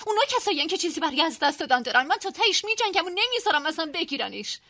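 An actress playing an angry, defiant young songwriter who speaks sharply and combatively in a dubbed drama. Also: female voice, extremely high pitch, very animated, pushed and bright, no room sound, full character voice.

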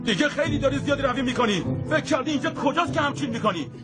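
A man's voice: very high voice, expressive, over loud music. A man voicing a flustered, apologetic father in a dubbed drama. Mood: stern.

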